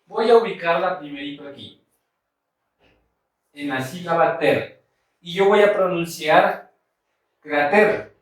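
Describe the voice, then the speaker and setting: A man teaching a grammar lesson at a board, speaking slowly and deliberately and repeating the key points. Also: on the high side. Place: room with a board. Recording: echoey room, mic far off.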